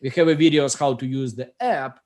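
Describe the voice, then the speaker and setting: Over a relaxed video call, an app founder in middle age talks about his creation in a Russian accent. His voice is medium-pitched and a little mellow, fairly quick, and he frequently hunts for the right word.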